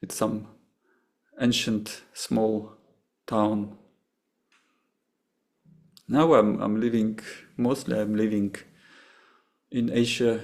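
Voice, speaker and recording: A man from Russia who teaches meditation answers questions after a session in his Russian accent, faltering and frequently starting again as he finds his words. He speaks at a fairly low pitch in a level, slightly mellow tone.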